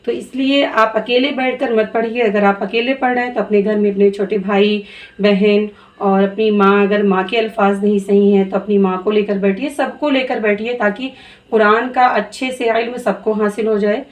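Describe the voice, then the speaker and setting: A woman teaching Quran reading, spelling out letters slowly and patiently before blending them into words. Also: mid-range voice, fairly even intonation. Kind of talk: slow spelled-out recitation lesson.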